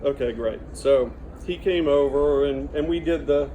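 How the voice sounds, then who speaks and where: A middle-aged man giving an informal father of the bride speech, halting and conversational, with a joking delivery. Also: on the high side. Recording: noisy room with loud audience chatter and laughter.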